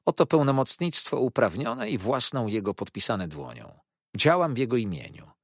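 Man doing a calm, firm lawyer. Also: mid-range voice, moderate pace, breathy edge, no echo, studio quality, pitched above the performer's own voice. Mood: composed.

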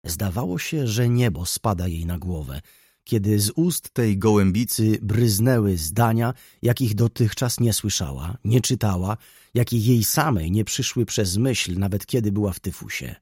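A man narrating a classic novel as an audiobook in an expressive storytelling manner. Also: lowish voice, normal speed, breathy edge, no room sound, clean studio sound. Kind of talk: scripted literary narration.

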